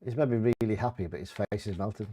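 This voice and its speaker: A man's voice: fairly low pitch, fairly quick, dark tone, husky. A man co-hosting a bingo game with casual banter and commentary. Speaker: bingo co-host.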